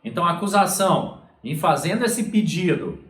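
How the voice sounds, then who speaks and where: A man's voice: sits high, sing-song, brisk. Echoey-voiced male law lecturer. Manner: explanatory, repeats "olha só" and "tá?".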